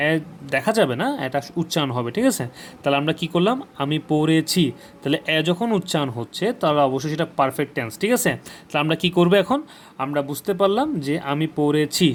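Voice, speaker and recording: A man's voice: on the high side, a little hiss or hum. A man teaching a lesson, speaking colloquially and asking questions, then repeating the answers himself. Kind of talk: explaining a lesson.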